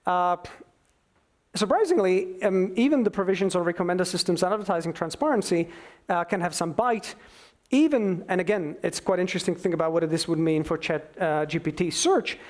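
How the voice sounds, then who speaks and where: A man giving an explanatory expert talk, with halting phrasing and emphatic bursts. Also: high voice, a little mellow. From Slovakia. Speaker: expert speaker.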